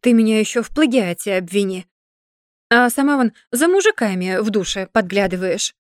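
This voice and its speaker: A woman's voice: medium pitch, animated, moderate pace, no echo, clean studio sound, lightly acted. A woman voicing a grumpy, sardonic old magical tomcat who grumbles and lectures in a storybook reading. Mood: grumbling.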